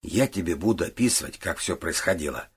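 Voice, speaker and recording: Calm middle-aged detective read by a man, probing, patient, very low voice, rough texture. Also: fairly quick, full character voice. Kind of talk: audiobook character voice.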